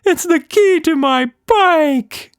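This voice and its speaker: Squeaky, gleeful Quatsch Monster. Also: male voice, lively intonation, slow pace, no room sound, studio quality, heavily acted. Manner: gleeful, exclamatory. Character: happy little furry pink monster, childlike and affectionate.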